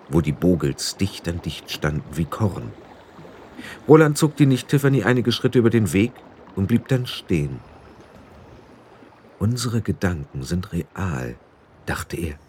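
A man narrating an audiobook in an expressive storytelling manner. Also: fairly low pitch, a little hiss or hum.

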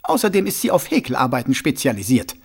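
A man's voice: mid-range voice, very animated, quick pace, vocal fry, darkish tone, husky, heavily acted. A man reading an audiobook, voicing a proud woman who speaks haughtily and coldly. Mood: haughty. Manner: haughty, cold. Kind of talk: audiobook character voice.

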